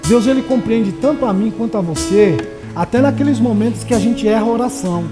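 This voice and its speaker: A male pastor preaching a sermon with passion, swinging between loud declarations and soft, low asides. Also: brisk, big-room sound, over music. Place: church.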